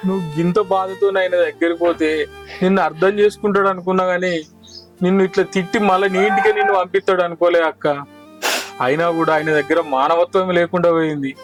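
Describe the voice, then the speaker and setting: A man's voice: high-pitched, level tone, fast talker, soft background music, natural voice. An actor playing a village brother who urgently persuades his family, speaking in a Telangana Telugu accent. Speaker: younger brother and go-between. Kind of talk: village drama acting.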